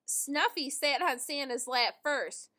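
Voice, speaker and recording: A children's storybook is read aloud by a woman whose voice sits high, with deliberate, expressive storytelling.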